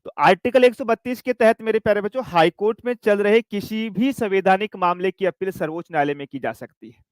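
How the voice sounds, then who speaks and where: A man's voice: high-pitched, no echo. A man teaching an exam coaching class, telling a playful story and calling his students dear children. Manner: dictates notes slowly with repetition.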